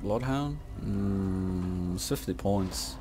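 Over video game music and sound effects, a young man with a low, very slow voice gives casual gameplay commentary. He's a gamer and video creator, muttering to himself in slangy language as he plays.

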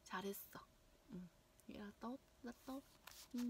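A young woman from Vietnam giving a casual language lesson, repeating phrases slowly to demonstrate pronunciation. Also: a little high, darkish tone. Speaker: language teacher. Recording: faint background noise.

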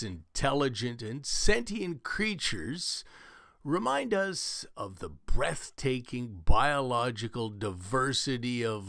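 Male podcast host, nature documentary narration, swooping pitch, creaky edge, deliberate emphasis and dramatic pauses. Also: dry recording, clean studio sound.

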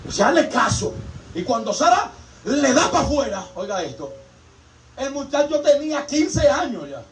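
A male preacher giving an animated sermon, acting out the voices of his congregation. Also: very high-pitched, moderate pace. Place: church hall. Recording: echoey hall from far off with music.

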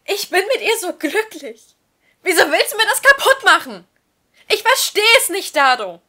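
A woman's voice: on the high side, lively intonation, moderate pace, breathy edge. A woman reading a hurt, pleading teenage boy. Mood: upset. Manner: emotional, voice rising when upset.

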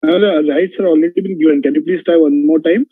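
A man with an Indian accent gives short technical instructions at a very rapid pace. His voice is rough and husky, and the call audio is muffled and low in fidelity. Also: steady tone. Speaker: webinar technical support. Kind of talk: brief spoken instructions.

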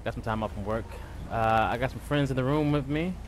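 A man's voice: medium pitch, fairly quick, slight background noise. Laid-back slangy male game streamer. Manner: laid-back slangy talk with frequent fillers. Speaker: streamer and server owner. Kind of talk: casual gaming stream chat.

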